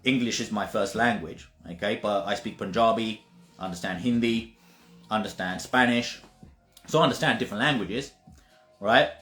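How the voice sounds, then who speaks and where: A man with a lowish, fairly bright voice speaks at a normal pace, giving a casual spiritual talk as a teacher. He's emphatic and repetitive and swears now and then. The room echoes, with faint music underneath.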